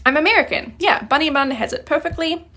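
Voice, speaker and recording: A Korean language teacher from New Zealand leads a live-streamed grammar lesson, explaining patiently and clearly and slowing down on her examples. Her voice sits high, expressive and sharp-toned.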